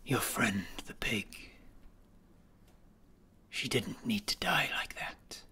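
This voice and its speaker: An evil flying snake lord, whispered role-play for a fantasy game, slow menacing coaxing, all breath. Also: male voice, mid-range voice, lively intonation, pushed and bright, husky, full character voice. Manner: slow, controlled, menacing persuasion. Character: menacing male winged serpent lord, coldly coaxing and threatening.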